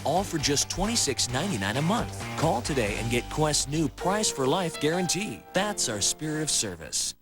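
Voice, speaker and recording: A man's voice: fairly high pitch, very animated, moderate pace, hardly any pauses, over loud music. A man reading an upbeat commercial as announcer. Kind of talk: upbeat ad read.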